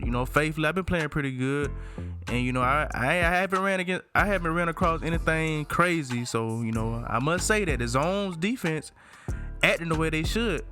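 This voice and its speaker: A man's voice: medium pitch, bright, forceful tone. A man from Alabama with a Southern country accent, hosting a gaming channel with casual, slangy, hyped review commentary. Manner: slangy, informal hype talk.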